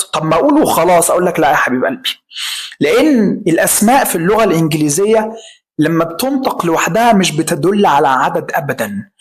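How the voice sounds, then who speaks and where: A man speaking with an Egyptian Arabic accent teaches an English grammar lesson. He talks emphatically, fires off rhetorical questions and stretches his example words out slowly. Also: high-pitched, low-quality recording.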